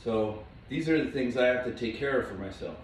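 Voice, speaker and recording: A man guiding a yoga flow as he does it, giving relaxed, chatty cues with small asides. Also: mid-range voice, brisk, a little hiss or hum. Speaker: yoga instructor. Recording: echoey room, mic at a distance.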